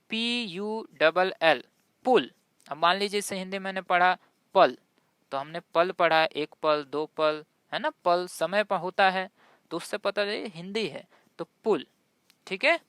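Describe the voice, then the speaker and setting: A man's voice: sits high, fairly bright tone, clean tone, no echo. A man teaching English pronunciation. He spells words out letter by letter, says each word, and keeps checking in with his listeners. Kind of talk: explanatory lesson.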